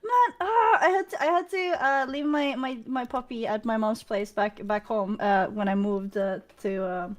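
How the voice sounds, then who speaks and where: A young woman from Norway speaks in a high, light voice with a subtle Norwegian accent. She is giggly and hesitant, restarting her sentences often in a casual video-call chat. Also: normal speed, few pauses. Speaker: guest streamer.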